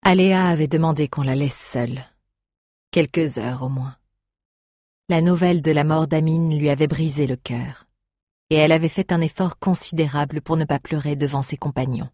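A narrator telling a fantasy story in a measured, gently emotive way. The voice sits at a middle pitch and sounds slightly husky. The recording is dry and close. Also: no room sound. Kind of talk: scripted audiobook narration.

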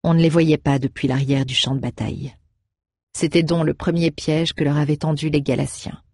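A man reading a fantasy novel aloud in steady, measured narration. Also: fairly high pitch, gravelly, breathy edge, no room sound, clean studio sound. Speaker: audiobook narrator. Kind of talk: audiobook narration.

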